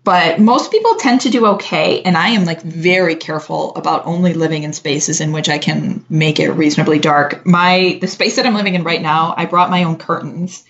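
A woman co-hosting a show, giving relaxed, chatty advice with lots of filler words. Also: low voice, normal speed, few pauses. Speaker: podcast co-host answering listener questions. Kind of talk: casual advice chat. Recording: dull lo-fi sound.

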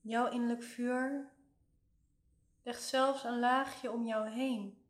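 Woman, meditation guide, soothing, fairly high-pitched, long pauses, echoey room. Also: steady tone. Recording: roomy, echoing voice recording.

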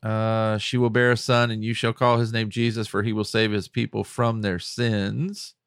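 Smooth-voiced man in casual faith chat. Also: fairly low pitch, little pitch movement, moderate pace, a bit bright, dry recording, clean studio sound. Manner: laid-back, reads scripture aloud with fillers. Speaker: podcast co-host.

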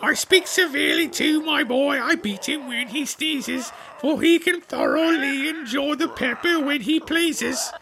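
A man putting on a cantankerous old noblewoman, screeching high above his own voice with a hoarse, gravelly edge. She barks and snaps, swinging wildly up and down, with a sharp, piercing tone, like a storybook read aloud. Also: lively intonation, moderate pace, few pauses, slight background noise, full character voice. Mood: harsh singsong. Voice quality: hoarse growl. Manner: rude, barking, sing-song when singing. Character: bad-tempered shrieking old noblewoman. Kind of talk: storybook reading.

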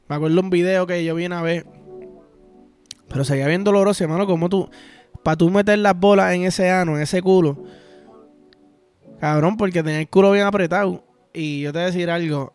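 A man with a Puerto Rican accent, hosting a podcast in a crude, rambling, profane comic monologue. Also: fairly high pitch. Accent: Puerto Rican Spanish. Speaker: podcast host. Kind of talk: casual comedic podcast monologue.

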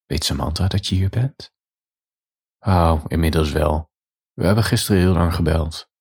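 A man reading a quiet, dying man. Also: low voice, moderate pace, husky. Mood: subdued. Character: terminally ill man, quiet and resigned.

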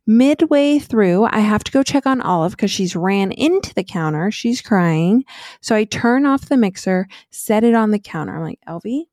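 A woman in her thirties hosting a podcast, telling a personal story in an animated way and laughing as she goes. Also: medium pitch, normal speed, dry recording, clean studio sound. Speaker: podcast host.

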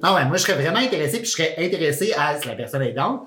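Québécois guy, kinda high voice, rambly curious podcast chat, echoey room. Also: very animated, racing, a bit bright. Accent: Québécois French. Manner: curious, thinking aloud with many fillers. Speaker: podcast co-host. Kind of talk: casual chat.

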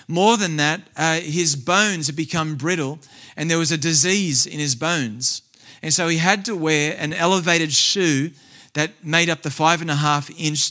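A man preaching a sermon, telling a healing story with rising intensity, then dropping low and soft to counsel his listeners, with frequent fillers and restarts.

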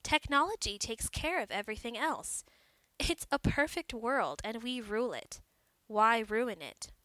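A woman reading a story aloud, voicing a smug, condescending female government advisor who lectures slowly and pointedly. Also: a little high, expressive, sharp tone, no room sound, rough recording.

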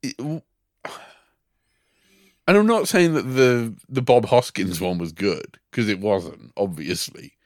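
A man in casual chat as a podcast co-host, with dry, deadpan complaints. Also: on the low side, slow, dry recording.

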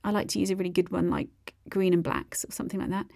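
A woman's voice: lowish voice, steady tone, fast, vocal fry, a little mellow, no room sound, studio quality. A woman hosting a podcast, talking casually through recipes and tips with plenty of fillers. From United Kingdom. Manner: friendly, chatty, with frequent um and uh fillers. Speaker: podcast host.

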